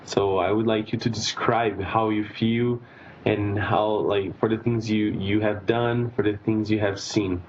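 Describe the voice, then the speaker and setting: A man's voice: on the low side, fairly even intonation, a little slow. A man from Brazil sending in a recorded question. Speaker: member of the public asking a question. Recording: dull lo-fi clip, faint noise.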